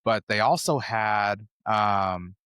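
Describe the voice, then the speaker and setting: A man from the United States in his fifties, speaking as a podcast guest with a fairly low voice. He tells his story in a loose, rambling, conversational way. The sound is dry and close, with little room reflection. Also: slow pace, pushed and bright, clear, resonant tone, dry recording. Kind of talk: casual interview storytelling.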